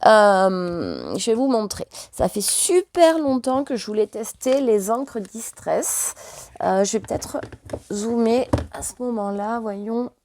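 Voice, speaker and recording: A woman's voice: a little high, very animated, slow, a little mellow. A French woman vlogger chatting casually and hesitantly, full of fillers, while showing her purchases. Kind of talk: casual chat.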